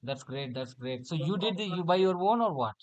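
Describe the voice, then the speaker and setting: Indian man organizer, slightly high voice, enthusiastic, question-asking. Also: expressive, a little fast, dull audio. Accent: Indian English. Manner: enthusiastic praise, asks technical questions.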